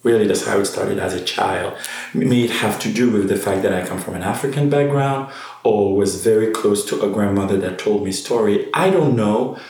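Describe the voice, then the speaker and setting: A man's voice: on the low side, moderate pace, gravelly, darkish tone. A man, a fashion designer, speaks reflectively in an interview, searching for his words. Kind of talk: interview conversation. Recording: echoey room, voice from far off the mic.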